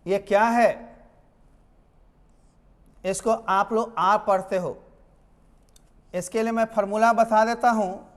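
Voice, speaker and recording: A man teaching a spoken English lesson online, energetic and emphatic as he drills pronunciation out loud. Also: high voice, takes it slowly, pauses often, in a large hall.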